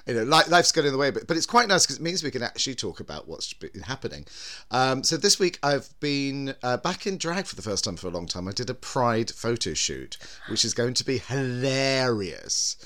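Male podcast host, camp drag performer, theatrical, very animated pitch, mid-range voice. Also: a little fast. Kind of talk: theatrical show introduction and casual chat.

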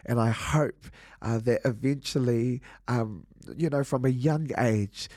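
Earnest halting Māori-accented man, dry sound. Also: mid-range voice, a little mellow, dry recording. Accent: New Zealand Māori English. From Northland, New Zealand. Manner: earnest, halting, many fillers and restarts. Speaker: podcast guest, musician. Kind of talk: reflective interview talk.

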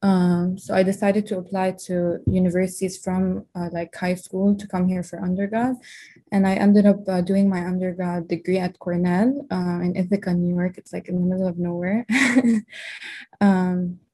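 A woman's voice: on the low side, level tone, normal speed, mellow, dry recording. A woman in her twenties from Lebanon, a medical student guest on a podcast, talking chattily with frequent fillers. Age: 20s. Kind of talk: podcast interview.

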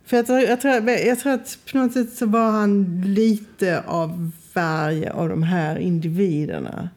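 A woman's voice: mid-range voice, steady tone, a little mellow. A woman in casual conversation, thoughtful and hesitant, repeating words as she searches.

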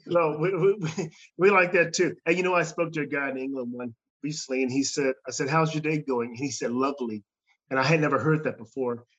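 A man's voice: fairly high pitch, fast, a bit bright, dull audio. A man hosting a chat show, friendly and stammering a little, laughing easily. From Canada. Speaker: host. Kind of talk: casual conversation.

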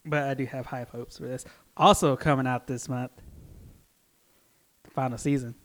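Casting: average-pitched man, talky and explanatory. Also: steady tone, moderate pace. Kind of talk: casual chat.

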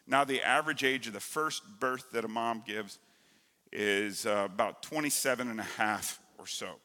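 A man preaching a sermon as pastor, emphatic and rising to loud stresses, heard in an echoey church hall. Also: medium pitch, moderate pace. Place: church sanctuary.

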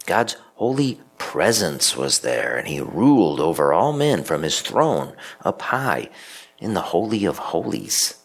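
Very deep, gravelly male priest. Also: very animated, unhurried. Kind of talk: liturgical reading and homily.

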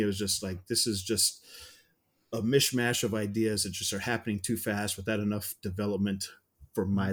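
Rambling man reviewing a film. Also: medium pitch. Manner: rambling, searching for words with many restarts. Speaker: podcast co-host reviewing films. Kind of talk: casual film review chat.

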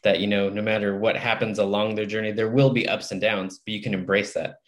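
Male interview guest, slightly low pitch, conversational, earnest and motivational. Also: little pitch movement, fairly quick, a bit bright. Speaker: podcast guest, author and publisher. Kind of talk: casual interview chat.

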